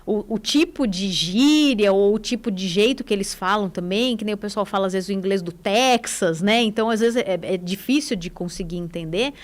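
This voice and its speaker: A woman's voice: medium pitch, normal speed, few pauses. A Brazilian woman in her forties, an English teacher, talking casually on a radio show with enthusiasm and frequent tag questions.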